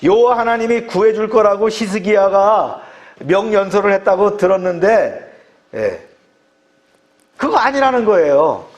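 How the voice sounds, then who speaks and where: A man's voice: high voice, lively intonation, a little slow. A male pastor delivering a sermon, emphatic and dotted with short affirmations. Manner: emphatic preaching, punctuated by frequent short affirmations.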